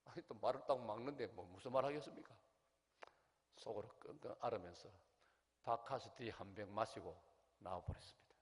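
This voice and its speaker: A man's voice: fairly low pitch, fairly quick. A middle-aged man with a Gyeongsang accent, preaching a revival sermon. He tells a story animatedly, acts out the people in it and puts questions to the congregation. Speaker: pastor. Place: large church sanctuary. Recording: long hall reverb in a church.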